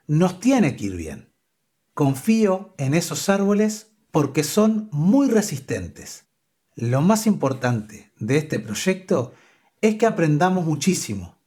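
A man with a slightly high, somewhat dark voice is being interviewed and gives personal testimony. He talks about his own life earnestly and with real feeling.

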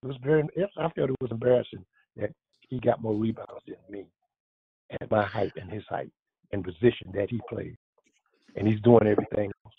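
A man in his seventies, a former pro basketball player, reminiscing in a casual interview, rambling with many restarts, with a husky voice. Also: fairly low pitch, fairly quick, long pauses, dry recording. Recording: tinny phone line.

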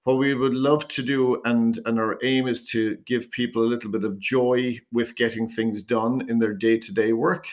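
A man who founded a company, answering interview questions in a steady, measured way with occasional repeated words. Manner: measured pitch, repeats words when starting phrases.

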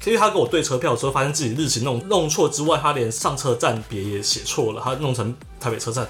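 A man co-hosting a chatty podcast, telling his story at a rapid clip and acting out the people in it. His voice sits at an ordinary middle pitch. Faint music plays under the talk. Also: a bit bright. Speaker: podcast co-host. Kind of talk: casual podcast chat.

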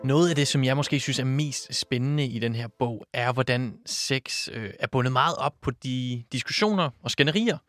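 A man hosting a book discussion, thoughtful and hesitant, pausing with fillers. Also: mid-range voice, fairly bright tone, faint music behind.

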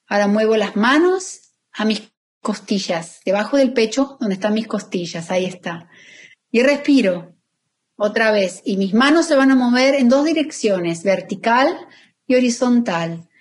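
A woman therapist, calmly explaining fear and anxiety and leading a slow, soothing breathing exercise. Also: a little high. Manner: calm, soothing, slowing down for guided phrases. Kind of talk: guiding a breathing exercise in an interview.

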